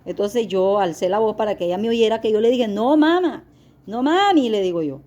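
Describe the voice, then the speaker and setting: Middle-aged female lay preacher, soft warm voice, earnest testimony addressed to the faithful. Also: medium pitch, quick pace, lo-fi sound. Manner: earnest, confessional, addresses listeners as beloved. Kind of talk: testimony-style sermon.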